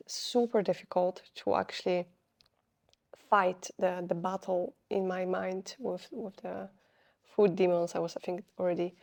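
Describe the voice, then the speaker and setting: A woman's voice: medium pitch, gravelly, darkish tone. A young woman with a Polish accent, talking unscripted to camera in a rambling way, stopping often to search for words. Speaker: vlogger. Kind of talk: unscripted casual vlog talk.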